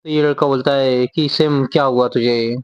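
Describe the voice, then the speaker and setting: A man retelling a manga story, quoting the characters' lines in his own steady voice without acting them out. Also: mid-range voice, moderate pace, smooth, dry recording, highs cut off. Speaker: manga explainer.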